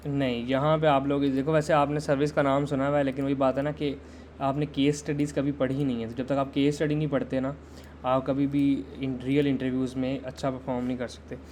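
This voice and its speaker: Male tech instructor for a live lesson. Conversational and steady with little pitch movement. Keeps putting questions to the viewers. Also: a little fast, slight background noise. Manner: conversational, quizzes viewers and waits for chat answers. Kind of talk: live-streamed system design lesson.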